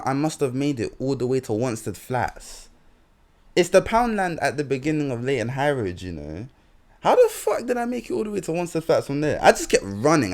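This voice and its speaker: A young man with a London accent, co-hosting a podcast and telling rambling stories full of slang in casual chat. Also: mid-range voice. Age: young adult. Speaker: podcast co-host.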